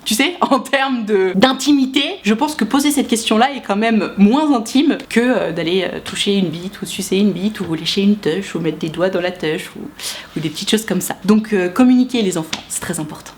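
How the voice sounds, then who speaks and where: A woman's voice: mid-range voice, normal speed, a little hiss or hum. A woman vlogging casually to camera, frank and chatty, reading out viewer messages and talking straight to the viewer with slang. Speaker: sex education vlogger.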